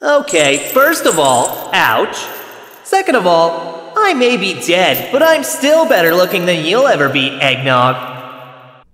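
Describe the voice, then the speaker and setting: A man's voice: high voice, wildly swooping pitch, fairly bright tone, full character voice. A man playing the solemn but cocky ghost of a young hedgehog hero in an audio drama, with a ghostly reverb on his voice. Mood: cocky, teasing. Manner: slow, solemn, haunting delivery. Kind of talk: audio drama character acting. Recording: long echoing reverb, music behind.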